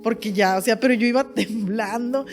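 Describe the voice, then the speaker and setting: A woman's voice: a little high, moderate pace, soft background music. A woman pastor telling her testimony in an interview, emotional and full of fillers. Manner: emotional storytelling with many fillers.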